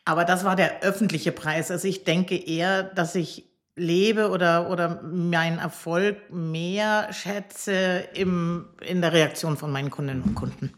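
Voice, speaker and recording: A sixty-year-old woman with a fairly low voice, talking as a podcast guest. She speaks with enthusiasm and pauses often on fillers as she gathers her thoughts. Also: fairly even intonation. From Hamburg, Germany. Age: 60s. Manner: warm, enthusiastic, hesitant with fillers. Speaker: bookshop owner, guest. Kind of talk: podcast interview.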